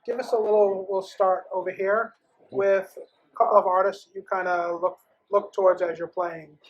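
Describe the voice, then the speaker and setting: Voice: medium pitch, flat delivery, normal speed, muffled recording. An interviewer asking a band casual questions in a joking manner. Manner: joking, laughs often.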